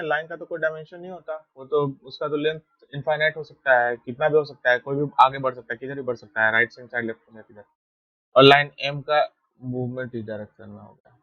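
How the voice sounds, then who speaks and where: A man with a medium-pitched voice teaches a math lesson while drawing, explaining steadily and repeatedly saying "ठीक है" to check that students follow. It's recorded on a close mic with no echo, and the highs are cut off.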